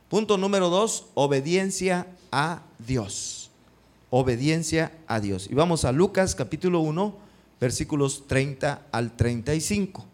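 Preaching a sermon, a man reads scripture aloud and repeats its key lines, often turning to the congregation with rhetorical questions. His voice is on the higher side for a man, with a darkish tone.

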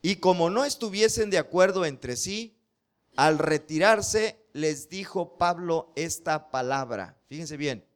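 Slow-preaching man. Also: a little high, lively intonation. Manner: slow, emphatic reading of verses, rhetorical questions to the congregation. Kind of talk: sermon with scripture reading.

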